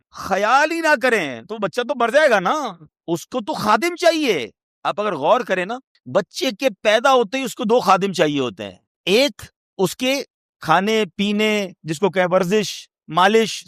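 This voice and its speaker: A man delivering a sermon as a preacher, emotive and rhetorical. He asks the listeners questions and swings from loud, high questions to low, quiet asides. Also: dry recording, studio quality.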